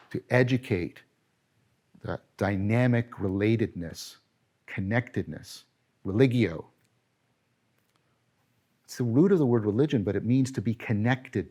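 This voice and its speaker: A middle-aged man giving a philosophy lecture, animated and emphatic, often correcting himself and asking rhetorical questions. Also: fairly low pitch, vocal fry.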